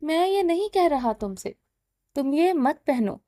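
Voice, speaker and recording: A woman's voice: sits high, very animated, mellow, dry recording, studio quality. Woman reading as Jahangir, possessive mafia boss. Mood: taunting. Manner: taunting, commanding. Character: domineering possessive male mafia boss, teasing.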